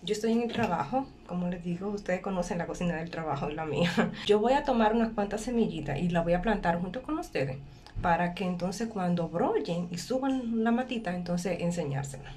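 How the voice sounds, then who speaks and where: A woman's voice: fairly low pitch, lively intonation, a little fast, darkish tone. A woman casually demonstrating a recipe step by step, often repeating herself and checking in with the listener. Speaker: home cooking vlogger. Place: small indoor kitchen at a workplace. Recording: clear background kitchen noise.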